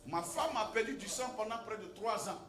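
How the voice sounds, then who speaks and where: A man preaching a sermon, swinging between shouted emphasis and quiet storytelling and coming back to a repeated refrain. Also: high voice, animated, moderate pace, echoey room, background noise.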